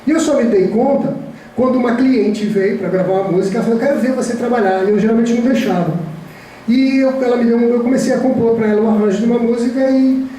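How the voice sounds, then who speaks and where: A man's voice: very high-pitched, fast, warm tone, far from the mic, a little hiss or hum. Man lecturing in a very echoey hall. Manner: reflective, storytelling with many restarts. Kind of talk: spiritist talk to an audience.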